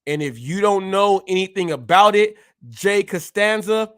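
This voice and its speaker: A man's voice: high voice, expressive, unhurried, fairly bright tone, smooth. A man in his forties hosting a live show who stutters, talking in a boastful, confrontational way as he calls out his critics. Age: 40s. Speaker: host. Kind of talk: ranting live-stream commentary.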